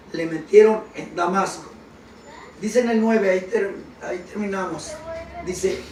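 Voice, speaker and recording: High-voiced preacher in an echoey room. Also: male voice, darkish tone, far from the mic, a little hiss or hum. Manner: reads scripture slowly, then explains with questions to the congregation. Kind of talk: sermon with Bible reading.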